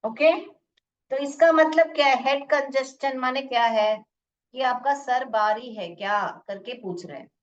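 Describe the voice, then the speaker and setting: Woman English teacher, slow and higher-pitched, drills words; muffled recording. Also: recorded from a distance. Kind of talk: bilingual classroom lesson. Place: room with a board.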